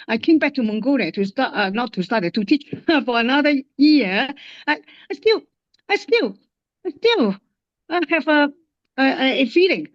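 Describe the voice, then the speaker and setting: Halting Hong Kong-accented woman. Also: on the high side, no room sound, dull audio. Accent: Hong Kong English. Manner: halting, many fillers and restarts. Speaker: guest linguist. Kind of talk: casual interview.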